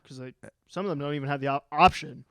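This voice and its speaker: A young man co-hosting a casual podcast, cracking quick jokes and dropping into soft asides. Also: fairly high pitch, clear, resonant tone, no echo, studio quality. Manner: joking, quick quips, drops to soft asides. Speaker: podcast co-host. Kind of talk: casual chat.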